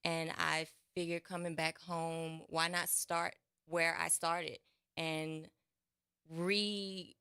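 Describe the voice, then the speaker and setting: Gravelly bright-voiced New woman. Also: deep voice, little pitch movement, takes it slowly, dry recording, clean studio sound. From New Orleans. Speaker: guest, actress and host. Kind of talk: casual radio interview.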